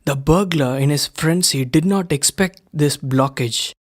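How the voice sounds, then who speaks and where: A man reading a first-person story aloud in a measured, unhurried way. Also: a little high. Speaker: reader of a story.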